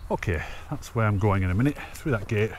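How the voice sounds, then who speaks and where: A hiking vlogger in his thirties, lowish and darkish in tone, chats enthusiastically into a handheld camera held at arm's length as he walks open fells and woodland paths. His casual commentary has lively intonation and a quick pace, and he laughs to himself. Faint outdoor ambience and a little hiss or hum sit in the background.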